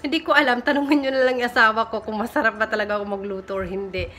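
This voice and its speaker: Chatty young Filipina mom vlogger. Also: female voice, on the high side, fairly even intonation, very fast, pushed and bright, slight background noise. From Philippines. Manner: chatty, giggly, self-teasing. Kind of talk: casual vlog chat reading comments. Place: home room in Japan. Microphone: phone camera.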